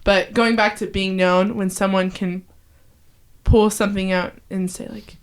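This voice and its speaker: A woman chatting on a podcast, animated and quick to laugh. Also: medium pitch. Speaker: podcast guest. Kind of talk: casual chat.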